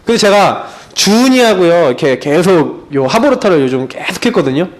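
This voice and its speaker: A man's voice: sits high, big pitch swings, fairly quick. A middle-aged male pastor preaching a sermon in a conversational way, telling family stories and asking rhetorical questions.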